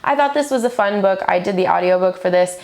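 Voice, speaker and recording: A woman in her thirties, a book vlogger still recovering from the flu, gushes enthusiastically about books she has read in a casual review chat. Her voice is medium-pitched and a little mellow, and she talks fast.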